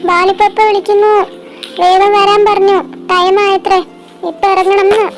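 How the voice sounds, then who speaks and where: A woman's voice: very high voice, flat delivery, normal speed, loud music behind the voice. A young woman voicing a cheeky, teasing little brother in a fan dub drama. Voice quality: mocking, cheeky.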